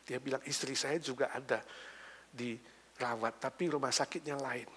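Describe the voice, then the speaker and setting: An older male pastor preaching a sermon, telling a story and swinging between loud emphatic lines and hushed, almost whispered ones. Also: medium pitch, steady tone, normal speed, husky.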